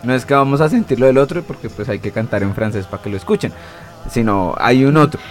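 A man in a casual talk show, chiming in with quick quips and short asides. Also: medium pitch, expressive, soft background music. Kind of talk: casual literary discussion.

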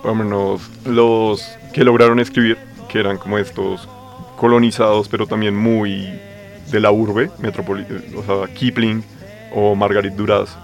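A man joins a casual discussion in a laid-back, slangy manner. His voice sits on the low side. Faint music runs underneath. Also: flat delivery, moderate pace.

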